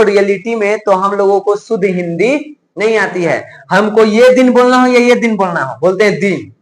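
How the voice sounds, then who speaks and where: A male teacher giving a grammar lesson to a class, drilling sounds slowly and often asking the students if they have understood. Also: sits high, poor audio. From India. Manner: asks students frequent check questions.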